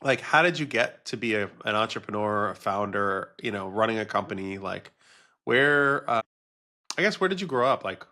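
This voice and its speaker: A man's voice: fairly low pitch, lively intonation, normal speed, sharp tone. A man co-hosting an interview, asking questions in a hesitant, loose way with many "like" fillers. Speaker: interview co-host.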